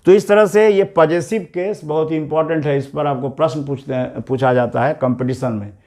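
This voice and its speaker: A man with an Indian accent teaching English grammar, going through each point step by step and reading out example phrases slowly. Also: a little high, steady tone, darkish tone. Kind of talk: classroom-style grammar lesson.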